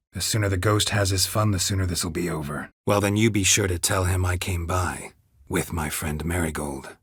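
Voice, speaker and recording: A male actor voices a gruff, weary, sardonic monster hunter in a video game, using a husky, gravelly low American voice and terse, deadpan delivery. The mood is dry and guarded, and the studio-quality recording is dry.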